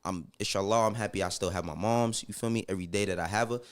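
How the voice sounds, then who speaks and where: This Harlem-born man, middle-aged with a New York accent, talks fast and smoothly in a low voice as a podcast guest. His interview answers are candid, casual and slangy, emphatic, with frequent checks that you're keeping up.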